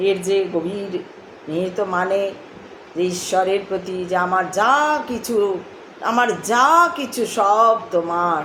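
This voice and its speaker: A woman giving a spiritual talk, musing slowly and breaking into song. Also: mid-range voice, steady tone, fairly bright tone, echoey room, a little hiss or hum, poor audio. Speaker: host.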